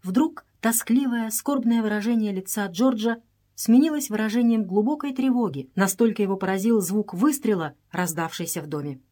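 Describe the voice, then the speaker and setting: A woman reading an adventure novel aloud in steady, measured scripted narration. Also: mid-range voice. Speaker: audiobook narrator.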